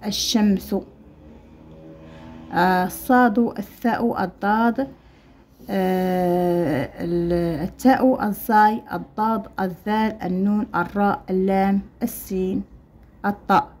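A woman with a Moroccan Arabic accent teaching primary school children an Arabic lesson, slowly spelling out letter sounds and mixing standard Arabic with Moroccan dialect. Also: medium pitch, fairly even intonation, darkish tone. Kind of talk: explaining a textbook lesson to children.

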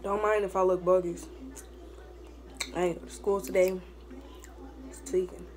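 A woman's voice: on the low side, level tone, moderate pace, a little mellow. Young female vlogger, casual chat with mouth full, noisy room with dish clatter. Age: young adult. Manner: talking with mouth full while eating. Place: small room at home, indoors. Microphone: phone or laptop propped at arm's length.

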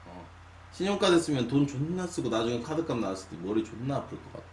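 A man of twenty-nine chatting casually with his stream viewers, musing with long sighs and drifting between loud and quiet. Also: mid-range voice, sing-song, fast talker. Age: 20s. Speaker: live streamer. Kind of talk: casual late-night chat with viewers. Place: small room at a desk. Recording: echoey room, faint hum.

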